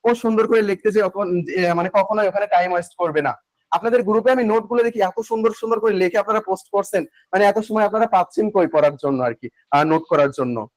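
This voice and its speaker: A young man teaches a live online class in a fairly high voice. He repeats facts slowly, poses questions and answers them himself. The sound is close and dry. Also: no room sound, low-quality recording. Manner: repeats key facts slowly for note-taking, asks and answers own questions. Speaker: online admission-coaching teacher.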